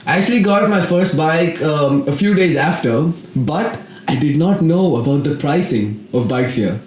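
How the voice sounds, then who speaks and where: A man's voice: a little high, expressive, moderate pace, darkish tone. A young man from South India, a guest chatting casually on a podcast and laughing through his stories. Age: young adult. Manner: friendly, laughs while telling stories. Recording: echoey room.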